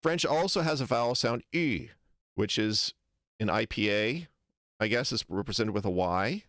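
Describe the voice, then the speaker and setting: An American man streaming casual commentary, rambling and animated as he exaggerates foreign vowel sounds to make his point. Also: lowish voice, normal speed, dry recording, clean studio sound. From United States. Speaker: streamer reacting to a lecture.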